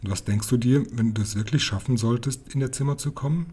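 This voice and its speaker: A man's voice: medium pitch, quick pace, mellow, slightly rough, natural voice. A man reading as a kindly old grandmother. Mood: gentle.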